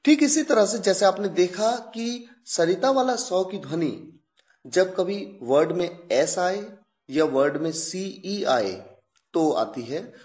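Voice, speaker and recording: Woman pronunciation teacher, slow deliberate delivery, animated pitch, repeats sounds for drill. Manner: drawn-out words, repeats sounds for practice. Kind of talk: slow, deliberate classroom explanation.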